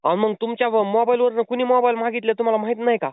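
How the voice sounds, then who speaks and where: A man pretending to be a delivery driver makes a prank phone call, pushing and pleading in a very high, level, smooth voice that races along. The call sounds tinny, with no room sound.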